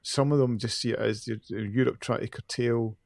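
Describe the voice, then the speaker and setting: Creaky-voiced man co-hosting a podcast. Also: medium pitch, steady tone, moderate pace, darkish tone, dry recording, clean studio sound. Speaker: podcast co-host. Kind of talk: casual discussion.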